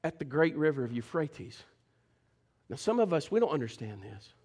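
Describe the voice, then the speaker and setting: A male pastor preaching a fervent sermon, calling out to his congregation and swinging between shouting and hushed low talk. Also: big pitch swings, moderate pace, husky. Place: church service.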